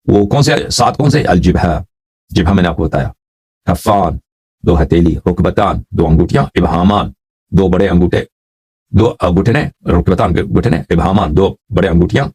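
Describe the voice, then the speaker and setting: Low, husky male scholar, patient lecturing, recites Arabic slowly then explains, keeps asking if you follow. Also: darkish tone. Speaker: religious scholar teaching prayer. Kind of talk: explaining an Arabic hadith text line by line in Urdu.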